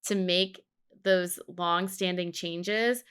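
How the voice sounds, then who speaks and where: A woman's voice: on the low side, fairly even intonation, takes it slowly, a bit bright, smooth. A woman co-hosting a podcast, talking casually and thinking aloud as she discusses a show. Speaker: podcast co-host. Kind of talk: casual discussion of an animated series.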